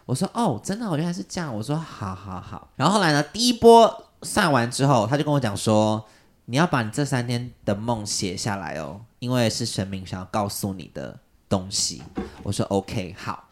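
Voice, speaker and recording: A man casually telling a long story on a podcast, animated and jumping up in pitch when he quotes people. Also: moderate pace. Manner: animated, jumps high when quoting people.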